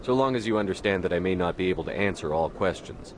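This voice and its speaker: A man's voice: sits low, animated, quick pace, a little hiss or hum. A man playing a blunt, authoritative military commander in a video game. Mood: guarded, formal. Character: blunt, authoritative human military commander, hard-edged hero. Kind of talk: video game drama acting.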